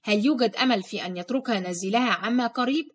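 A woman reading the lines of an older British male hotel guest who insists firmly on one room, in her own breathy voice. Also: on the high side, fast talker. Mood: insistent. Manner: firm, persistent.

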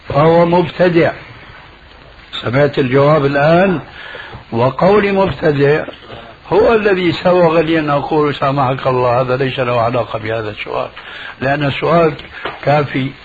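A man's voice: on the high side, background noise. A man answering a caller on a radio show as a religious scholar, pressing with argumentative rhetorical questions. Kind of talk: call-in radio Q&A. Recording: muffled lo-fi radio recording.

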